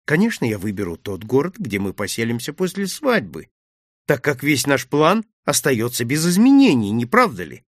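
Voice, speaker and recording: A man voicing an eager, anxious young woman from a storybook. She talks in a lively, rising voice, insistent and a little pleading. The read is close and dry, with no room sound. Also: medium pitch, normal speed, no room sound. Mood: earnest.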